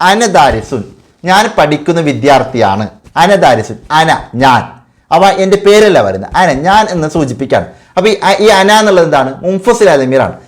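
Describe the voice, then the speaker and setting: A man teaching an exam revision lesson patiently, repeating key terms and asking and answering his own questions. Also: high voice. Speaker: madrasa teacher.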